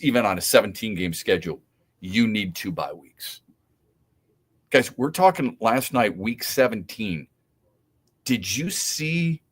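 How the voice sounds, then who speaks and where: Emphatic low-voiced sports radio host. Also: male voice, a bit bright. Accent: Midwestern American. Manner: emphatic, rhetorical questions, repeats himself. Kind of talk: opinionated sports talk monologue.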